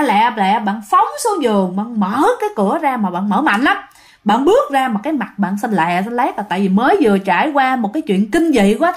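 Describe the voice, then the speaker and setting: A young woman with a Southern Vietnamese accent telling a ghost story in a chatty, casual way, with many fillers and repeated words for suspense. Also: a little high. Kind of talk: casual spoken storytelling to listeners.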